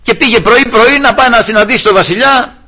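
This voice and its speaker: A man's voice: very high-pitched, bright, forceful tone, breathy edge. A male preacher giving a sermon, telling a Bible story and calling his listeners brothers.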